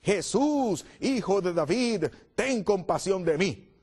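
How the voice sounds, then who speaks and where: A man's voice: high-pitched, big pitch swings, a little slow, a little mellow, husky, exaggerated voice. A man preaching who acts out a desperate blind beggar's pleading cries.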